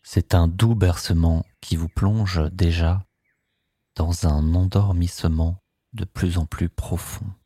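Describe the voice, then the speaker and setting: A man with a very deep, mellow voice leads a guided sleep hypnosis. He speaks extremely slowly in a soothing, hushed way, with a breathy, husky edge, recorded close and dry. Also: steady tone, no echo. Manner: slow, soothing, hushed delivery.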